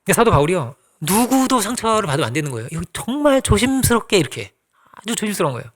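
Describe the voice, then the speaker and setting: A man preaching a conversational sermon as pastor, acting out quoted lines and dropping to soft asides. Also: high voice, big pitch swings, quick pace, a little hiss or hum.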